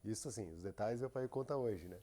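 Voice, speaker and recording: A man from who runs a company, speaking as a podcast guest in a relaxed, halting way with many restarts. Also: fairly low pitch. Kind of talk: casual interview.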